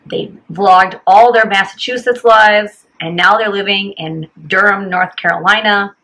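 A woman co-hosting a vlog in casual chat, hoarse after losing her voice and explaining things frankly. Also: medium pitch, unhurried, sharp tone, poor audio. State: hoarse, lost voice. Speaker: channel co-host.

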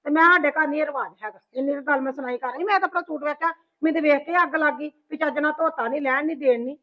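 A woman's voice: high-pitched, racing. A woman playing a complaining mother-in-law in a family drama, scolding as she talks. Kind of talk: amateur family drama acting. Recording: dull lo-fi recording.

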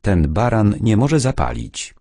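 A man's voice: lowish voice, big pitch swings, measured pace, dry recording, studio quality, exaggerated voice. A man doing a panicky gas station worker. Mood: panicked. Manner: yelling, panicky. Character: young red-haired male gas station worker, panicky.

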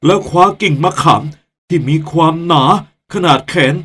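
A man's voice: fairly high pitch, moderate pace, a bit bright, slightly rough. A man narrating a radio ghost drama who stammers and hesitates when he speaks in the scenes. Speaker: narrator and lead actor.

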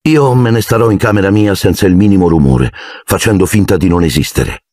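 A man voicing a weary twelve-year-old boy speaking in a flat, expressionless tone. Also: medium pitch, fairly quick, gravelly, no room sound, clean studio sound, voice pushed up, close to an everyday voice.

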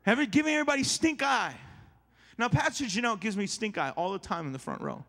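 A man preaching a sermon as a youth pastor, animated and joking, acting out little stories with quoted voices. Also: sits high, quick pace. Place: large church hall. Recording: church hall with long reverb.

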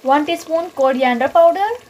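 Speaking at a moderate pace, a woman whose voice sits high with a darkish tone guides viewers of her cooking channel through each step of a home recipe. The recording carries a little hiss or hum, and frying and stirring sound in her home kitchen as she chats in a friendly, casual way, using some English words.

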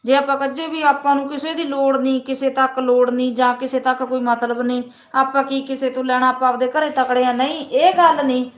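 High-voiced Punjabi woman on a live stream. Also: flat delivery, brisk, roomy sound. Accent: Punjabi, Malwa. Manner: earnest, repeating advice and asking "right?". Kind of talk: casual motivational live stream.

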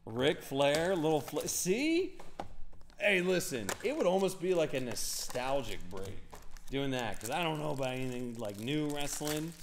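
A young man hosting a live card break, chatting and rambling excitedly to viewers as he calls out cards. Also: fairly high pitch, normal speed, slight background noise. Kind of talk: casual live-stream card break commentary.

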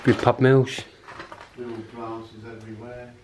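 A man's voice: medium pitch, flat delivery, measured pace, heavy background noise. A man giving casual, offhand walkthrough commentary as he explores an abandoned pub, recorded on a handheld camera mic while walking. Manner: chatty, offhand, thinking aloud. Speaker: urban explorer vlogger.

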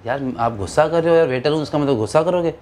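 A man with a raised voice plays a waiter in a prank. He talks quickly, acts wounded and fires back playful comebacks. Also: fairly high pitch, a little mellow.

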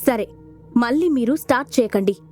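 A woman's voice: a little high, animated, brisk, faint music behind. A woman voicing a blunt man who gets exasperated, in an audio storybook. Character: blunt, confused man, a fighter.

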